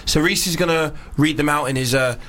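Higher-voiced male radio host. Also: brisk, sharp tone. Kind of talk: casual, joking radio chat.

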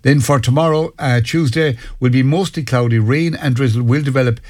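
A man's voice: medium pitch, a little fast, darkish tone. Irish male radio presenter, medium register, bulletin-style delivery.

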